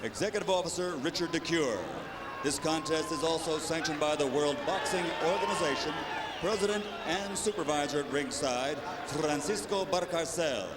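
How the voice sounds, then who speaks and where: A man announcing a boxing match in a big ceremonial lucha libre style, drawing out and shouting titles and names over an arena sound system. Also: on the high side. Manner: drawn-out shouted build-ups on titles and names. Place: large indoor arena over public address. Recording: loud crowd noise in a sports arena.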